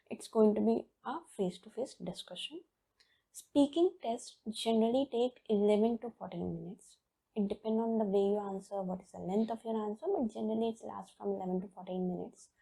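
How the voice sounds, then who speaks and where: A woman's voice: medium pitch, vocal fry, dark tone, husky, poor audio. A woman teaching a test-preparation lesson, often checking in with "okay" and repeating her key points. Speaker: IELTS speaking teacher. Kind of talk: explanatory lesson.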